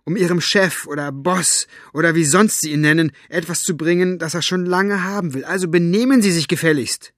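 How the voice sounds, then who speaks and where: A man voicing Elinor, a gruff, sharp-tongued older woman who scolds and snaps, in an audiobook reading. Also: on the high side, a little fast, no room sound, clean studio sound, voice pushed up, close to an everyday voice. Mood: indignant. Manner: brusque, scolding.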